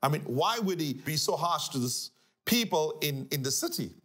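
Middle-aged pastor guy, high voice that swings all over, super emphatic, keeps repeating himself. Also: normal speed. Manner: animated, emphatic, repeats key phrases. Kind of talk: Bible teaching on a talk show. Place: living-room studio set, indoors.

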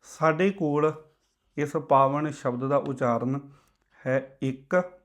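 A man teaching the pronunciation of a sacred word. He repeats it in slow, drawn-out recitation and explains it patiently. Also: mid-range voice. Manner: slow drawn-out demonstration chanting. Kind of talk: recitation lesson.

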